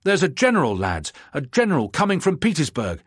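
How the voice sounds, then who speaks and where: A man voicing a merry, lively young male convict who was once a clerk. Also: on the high side, fairly quick, breathy edge, no echo, clean studio sound, voice pushed up, exaggerated voice. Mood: eager, lively. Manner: bright and eager, raised voice.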